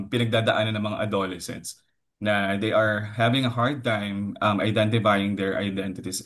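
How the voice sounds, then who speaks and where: A man in his thirties from the Philippines with a deep baritone, giving an earnest devotional testimony with many fillers. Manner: earnest, mixes English into his talk, frequent fillers and "po". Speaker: lay preacher giving a testimony.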